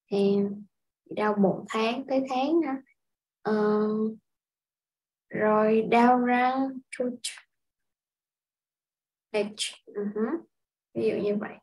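A woman from Vietnam teaching a casual language lesson, explaining step by step in an unhurried way with frequent filler sounds. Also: a little high, steady tone, darkish tone, poor audio. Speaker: English teacher.

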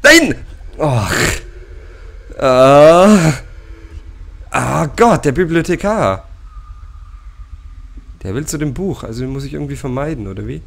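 A man's voice: medium pitch, expressive, normal speed, gravelly, long pauses. A man commenting on a horror game he plays, jittery and talking to his viewers with frequent scared gasps. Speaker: let's play gamer.

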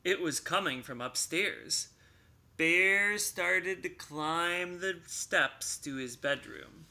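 A man reading a storybook aloud to children as a church class teacher, slow and expressive. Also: sits high.

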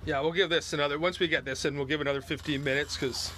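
A man guiding a fishing trip on a river, coaching calmly and joking while he films from the boat. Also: a little high, fast. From Canada. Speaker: fishing guide. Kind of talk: live-streamed fishing vlog. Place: open boat on a river, outdoors. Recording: outdoor boat noise.

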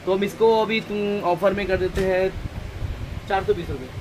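A man's voice: high voice, steady tone, normal speed. A man in his thirties, a shop owner, showing products in a casual chatty way and drifting into preachy asides. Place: crowded housewares shop, indoors. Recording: noisy shop with traffic outside.

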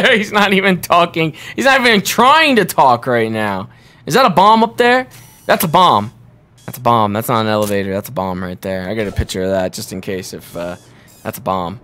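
A man's voice: fairly low pitch, expressive, a little fast, a bit bright, smooth. A young adult man giving casual gameplay commentary in a reactive, profane, repetitive way. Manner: profane, reactive, repeats himself. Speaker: gaming video player.

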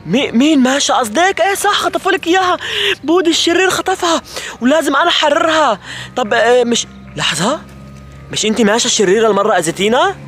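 An excitable male host in a kids' comedy skit talks fast and dramatically to his viewers. His voice sits very high, with faint music under it. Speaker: youtube host.

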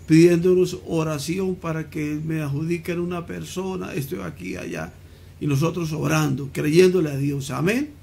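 A man's voice: on the high side, moderate pace, creaky, mellow, breathy edge. A man, a pastor hosting an online church call, affirming the speakers with frequent amens.

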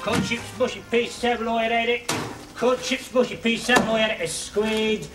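A man's voice: very high voice, flat delivery, normal speed, loud music behind the voice. A man playing a muddled chip-shop server in a TV sketch, distractedly reciting orders over and over. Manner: repetitive muttered reciting, distracted. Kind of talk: TV sketch comedy acting. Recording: old TV studio, loud audience and noise.

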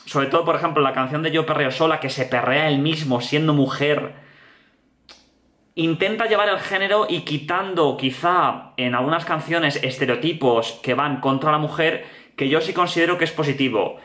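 A young man with a Spain Spanish accent giving animated, slang-filled commentary while reacting to a music video. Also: fairly high pitch, moderate pace. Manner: animated, slangy, repeats "tío" often. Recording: echoey room.

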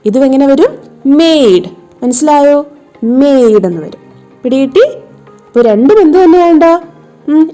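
A woman's voice: high-pitched, warm tone. A woman English tutor with a Malayali accent, patiently spelling words out letter by letter and checking that her young students understand. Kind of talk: online lesson for children. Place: home tuition setting.

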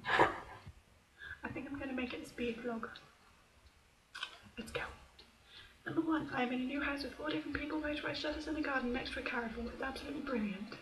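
A young woman in her twenties, vlogging in a rapid-fire, chatty, self-mocking way. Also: high voice, roomy sound, noisy background. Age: young adult. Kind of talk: fast list-style vlog. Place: shared house on a year abroad.

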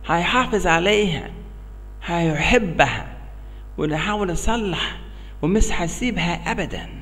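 A man's voice: high voice, gravelly, fairly bright tone. American man, broken English-accented Arabic, echoey room. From United States. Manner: halting broken Arabic with English accent, repeats check-in questions; earnest, emphatic. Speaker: religious speaker. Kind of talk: informal religious talk to camera. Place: small bare indoor room.

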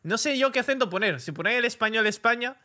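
A man commentating a game, excitable and reading game text aloud. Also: very high voice, quick pace. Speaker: gaming youtuber. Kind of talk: let's play commentary.

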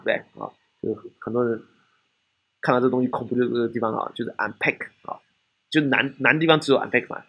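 A man's voice: mid-range voice, breathy edge. A man with a Taiwanese Mandarin accent giving a technical classroom lecture, often asking rhetorical questions and checking in with "right?".

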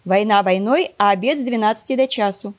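A woman voicing an exasperated father who shouts at his sons in a children's story. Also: medium pitch, a little fast, natural voice. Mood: gruff. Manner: loud, exasperated.

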